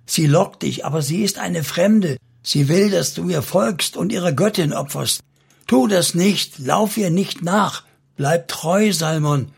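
A man voicing a desperate young woman who begs her beloved not to leave, in a high, tearful, pleading voice, in an audiobook reading. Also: expressive, moderate pace, hardly any pauses, a bit bright, husky, exaggerated voice.

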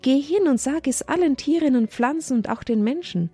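A woman voicing a wise, glowing sun crystal in a storybook reading, speaking softly and solemnly. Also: high-pitched, lively intonation, moderate pace, no echo, faint music behind, pitched above the performer's own voice.

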